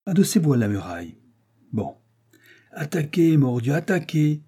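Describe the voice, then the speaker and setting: A man's voice: on the high side, sing-song, moderate pace, warm tone, slightly rough, voice pushed up, exaggerated voice. Man voicing a feverish young swordsman. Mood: urgent, commanding. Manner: urgent commanding fencing coach, later distraught. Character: young male Venetian swordsman, feverish and intense.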